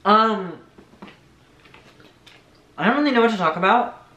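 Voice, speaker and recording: A man's voice: high-pitched, lively intonation, measured pace, pushed and bright, highs cut off. A young man vlogging in casual mukbang chat, rambling with lots of "like", talking with his mouth full of food. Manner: rambling, heavy use of "like". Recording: echoey room with faint noise.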